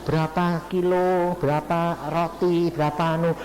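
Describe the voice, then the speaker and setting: This middle-aged Javanese-accented evangelist has a voice on the high side and moves at a moderate pace, with background noise behind him. Delivering his sermon, he acts out conversations, spins lively stories, and calls his audience "saudara."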